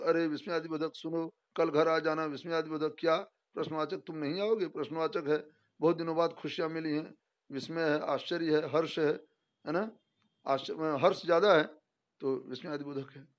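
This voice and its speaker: Emphatic male teacher, slightly high voice. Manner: emphatic, rhetorical questions, acts out example sentences. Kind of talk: spoken grammar lesson.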